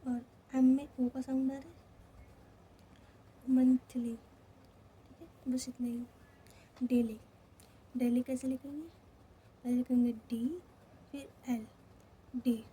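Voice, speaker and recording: A woman with a Hindi accent teaches shorthand in a high, level voice that is dark in tone with a breathy edge. She goes slowly through each step, repeating it and checking in often with "theek hai."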